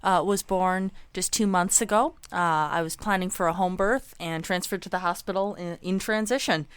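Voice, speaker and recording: A woman in her thirties introducing herself as a panelist, hesitant with many pauses. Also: fairly low pitch, clean tone, no room sound. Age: 30s. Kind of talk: casual introduction.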